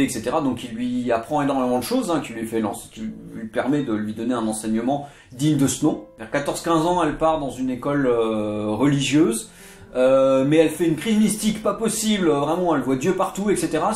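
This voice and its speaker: Man, casual lecture, digressive, echoey room, soft guitar music. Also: medium pitch. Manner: chatty, digressive, jokey asides. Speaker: literature video host.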